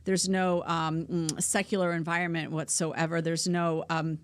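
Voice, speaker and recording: A woman's voice: deep voice, little pitch movement, moderate pace, clean tone, no echo. Assertive woman hosting in a dry studio. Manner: assertive, steers the talk with interjections. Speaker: show host. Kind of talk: studio interview.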